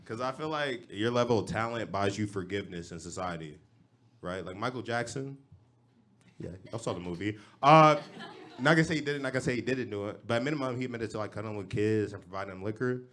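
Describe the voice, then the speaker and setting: A man's voice: on the low side, fast talker. Young man doing casual stand-up. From Los Angeles. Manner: casual, slangy, deadpan delivery. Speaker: stand-up comedian. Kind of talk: stand-up comedy set. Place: comedy club stage.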